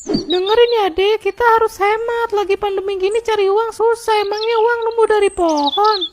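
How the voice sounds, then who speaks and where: A thrifty mother hushes her pleading child and lectures about saving money, as a woman plays her. The voice is very high, with faint noise behind it. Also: fairly even intonation, moderate pace. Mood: scolding.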